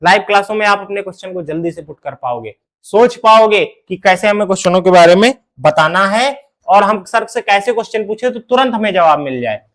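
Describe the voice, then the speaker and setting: A man teaching a poetry lesson to students, calling them "beta", asking questions and answering them himself, and chanting the verses slowly. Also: high voice, animated, fairly bright tone. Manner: addresses students as "beta", asks and answers his own questions. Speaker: Hindi teacher. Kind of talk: classroom lesson explaining poetry.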